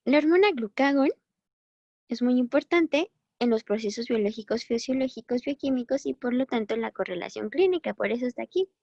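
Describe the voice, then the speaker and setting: A woman gives a recorded medical lecture, chatty and encouraging, stopping now and then to correct herself. Her voice sits fairly high. The sound is dry and a little dull, as if from a close, cheap mic. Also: animated, brisk, a little mellow, dry recording. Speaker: medical teacher.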